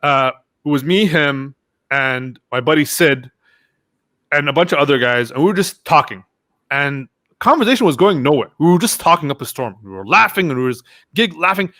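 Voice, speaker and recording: A man's voice: fairly high pitch, normal speed. A young man, a podcast guest, telling casual stories and acting out what his friends said. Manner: animated, acts out quoted friends. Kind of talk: casual storytelling interview.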